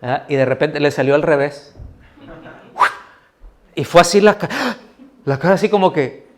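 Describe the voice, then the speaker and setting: A man's voice: a little high, moderate pace. A middle-aged man, preaching a sermon in a church hall. He talks in a conversational way, keeps asking the congregation questions and acts out the voices of people he quotes. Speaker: pastor.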